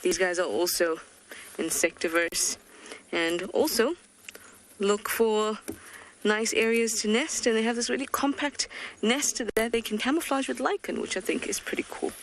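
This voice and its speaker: A woman's voice: on the high side, normal speed, slight background noise. Playful woman safari guide. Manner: playful, chatty. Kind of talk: live wildlife commentary. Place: outdoors in the bush.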